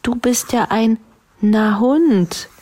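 A woman's voice: low-pitched, animated, a little slow, a little mellow, breathy edge, heavily acted. A woman voicing a haughty, huffy unicorn who always says no, in a children's story read aloud.

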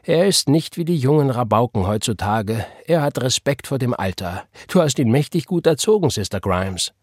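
Here a man voices a loud, exclaiming churchwoman full of religious fervor, raising his voice for pious, emphatic lines. He speaks at medium pitch, above his natural register, very animatedly and at a moderate pace. It's studio quality with no audible room.

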